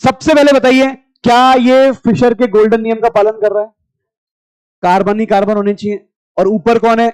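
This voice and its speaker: Brief: male chemistry teacher, very high smooth voice, drills class with repeated questions, dry close sound. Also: little pitch movement, a little mellow, no room sound, poor audio. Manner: quizzing students with rapid repeated questions; familiar, addresses class as brother. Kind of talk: classroom lecture.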